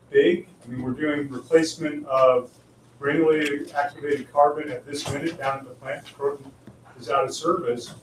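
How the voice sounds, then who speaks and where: City water official, man, fairly high voice, earnest and factual, recorded from afar in an echoey room. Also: slight background noise. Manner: earnest, factual, explains history and figures. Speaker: city water supply official answering questions. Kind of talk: explanatory meeting remarks. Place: county board meeting room. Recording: echoey room, distant mic.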